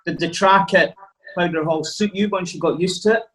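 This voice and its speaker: A man's voice: high-pitched, moderate pace, a bit bright, rough recording. A man co-hosting a casual interview, putting curious, leading questions to his guest. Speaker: co-host. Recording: crowd noise behind voice.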